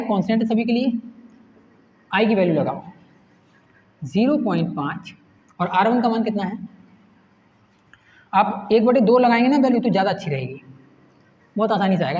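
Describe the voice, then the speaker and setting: A man's voice: sits high, lively intonation, a little fast, long pauses, darkish tone. Male teacher in an echoey room. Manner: asks the class questions and answers them himself. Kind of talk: step-by-step classroom explanation. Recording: echoey room, dull lo-fi sound, faint hiss.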